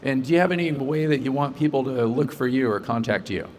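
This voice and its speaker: A man's voice: mid-range voice, fast, a little mellow, a little hiss or hum. A man hosting a podcast interview at a solar conference, upbeat and joking, with promotional plugs. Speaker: podcast host. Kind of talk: casual interview.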